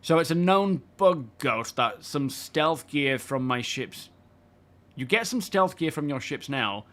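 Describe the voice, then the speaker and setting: A man's voice: a little high, animated, a little slow, fairly bright tone. A man live-streaming a game, chatting casually and rambling while greeting his viewers by name. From United Kingdom.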